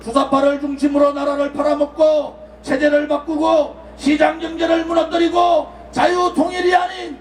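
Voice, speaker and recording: A man giving an impassioned political rally speech outdoors, shouting slogans and leading the crowd in call-and-response chants. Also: very high-pitched, flat delivery, normal speed, few pauses, faint music behind. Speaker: political party speaker at a rally. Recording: echoey, distant, with crowd noise.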